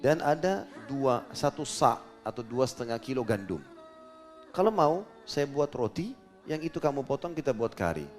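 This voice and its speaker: Guy preaching, tells the story w/ voices for everyone, faint music behind him. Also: moderate pace. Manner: animated storyteller, acts out dialogue with pitch jumps. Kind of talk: sermon storytelling.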